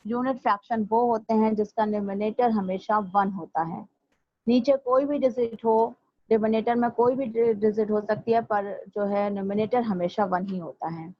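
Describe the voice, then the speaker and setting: A woman school teacher, patiently explaining a maths lesson step by step and slowing down to repeat things for her students. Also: medium pitch, steady tone, no room sound. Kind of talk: recorded online maths lesson. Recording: dry, dull lo-fi home recording.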